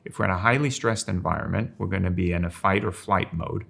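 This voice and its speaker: This strategic designer and professor of practice, a Finn in his sixties who grew up in Rome, Italy, reflects in an interview, explaining ideas thoughtfully and asking rhetorical questions. He talks fast in a low-pitched voice with vocal fry, a fairly bright tone, and a breathy edge.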